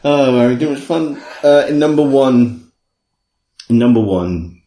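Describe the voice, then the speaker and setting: A man co-hosting a podcast, reading out a list with jokes, swearing and frequent laughter, a little hoarse. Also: medium pitch, animated, measured pace, warm tone, slight background noise. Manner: jokey, swearing, laughing often. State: losing his voice. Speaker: podcast co-host. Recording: roomy echo.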